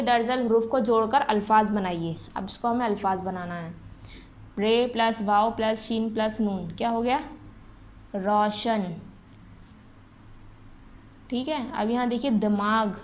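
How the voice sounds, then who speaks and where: A woman's voice: a little high, measured pace, long pauses. A woman teacher going through a school lesson step by step, asking the class questions and answering them herself. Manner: patient, explains step by step and asks the class questions.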